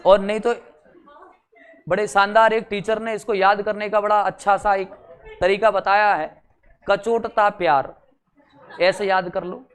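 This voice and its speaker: A man's voice: high-pitched, level tone, moderate pace, smooth. A male teacher giving an exam-prep grammar lesson, drilling syllables in chanted rows, joking along the way and repeating "theek hai" often.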